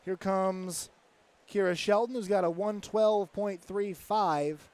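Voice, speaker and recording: A man giving live commentary at a diving championship, briskly announcing each diver and score. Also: high voice, a little mellow, smooth.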